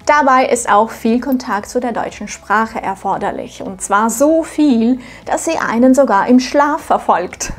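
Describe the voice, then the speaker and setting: A German teacher hosting her own channel speaks at a measured pace with hardly any pauses, her voice on the high side, faint music behind. She's in her thirties, German isn't her native language, and her scripted home-studio lesson is upbeat and encouraging, aimed directly at the viewer.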